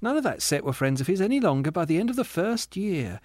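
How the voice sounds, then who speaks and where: Voicing a prim, domineering female ghost who indignantly grumbles about her late husband, a man reads this audiobook part at a quick, very animated clip. His voice sits high with a darkish tone, and there's no room sound.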